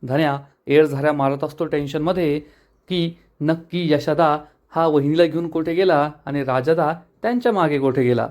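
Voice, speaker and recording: Guy recapping a tv serial episode, steady plain storytelling, slightly high voice.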